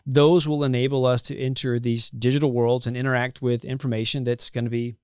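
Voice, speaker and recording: A man hosting a casual studio talk show, upbeat and chatty, often trailing off softly at the end of a phrase. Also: mid-range voice, flat delivery, fairly quick, smooth, dry recording. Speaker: host, chief marketing officer. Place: company studio.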